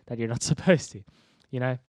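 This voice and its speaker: Young man, church leader sharing his testimony, casual and slangy, mid-pitched, dry close sound. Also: darkish tone, dry recording. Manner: laid-back and slangy, calls the listener dude and man; halting, many ums and restarts. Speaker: interview guest, church leader. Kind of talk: personal faith testimony in casual chat.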